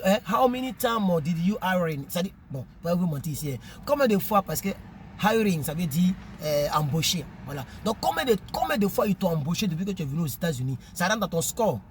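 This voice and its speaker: A man casually vlogging to his subscribers, animated and preachy, often repeating words while he searches for them. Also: high voice, a little hiss or hum. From Ivory Coast. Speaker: YouTuber.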